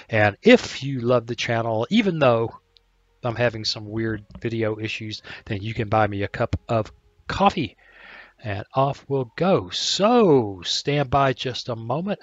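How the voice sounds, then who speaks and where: A man's voice: medium pitch, no echo, muffled recording. A man hosting casual gameplay commentary in a chatty, folksy way, thinking aloud, a little coughy. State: clearing his throat, a bit coughy. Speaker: gaming channel host.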